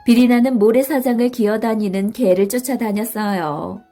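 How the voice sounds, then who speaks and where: Soft-spoken woman telling a bedtime story. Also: on the high side, moderate pace. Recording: faint music behind.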